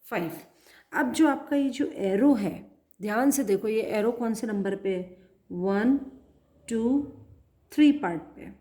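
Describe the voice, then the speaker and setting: Slow, patient maths teacher, woman. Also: a little high, dark tone, roomy sound. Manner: slow and patient, counting aloud and asking pupils questions. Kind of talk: classroom math lesson, writing as she explains.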